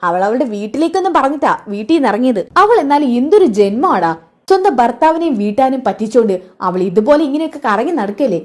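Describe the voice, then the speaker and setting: A woman's voice: high-pitched, animated, quick pace, a little mellow. A woman voicing an obsessive, insistent young husband who pines for another woman. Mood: irritated.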